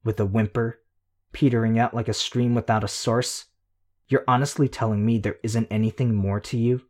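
A fierce, sharp-tongued young woman hurls taunts and pushes hard with rising heat, as a male narrator puts her on. The voice sits a little higher than his usual and swings up when she presses her point. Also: little pitch movement, moderate pace, close to an everyday voice. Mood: low, needling. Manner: heated, needling, rising to near shouts.

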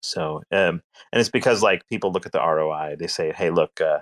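A man's voice: deep voice, fairly quick, a bit bright. A man in a casual online audio chat, explaining market cycles at length with lots of filler words. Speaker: speaker in a crypto audio chat.

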